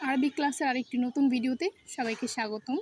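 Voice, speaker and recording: A woman teaching the Arabic alphabet in a step-by-step pronunciation lesson, saying each letter slowly and repeating it. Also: high-pitched, steady tone, darkish tone, slight background noise.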